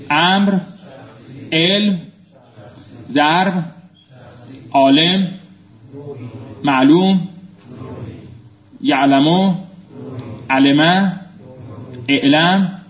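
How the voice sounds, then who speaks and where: A male teacher giving a lecture in a classroom. He quizzes his students and drills them in call-and-response, swinging between loud prompts and low asides. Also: pauses often. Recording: echoey room, muffled lo-fi sound.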